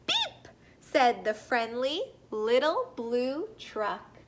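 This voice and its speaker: A woman reading a children's picture book aloud at a very slow, sing-song pace. Her voice is high and bright and swoops widely as she adds animal sounds. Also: sing-song, a little hiss or hum. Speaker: storyteller.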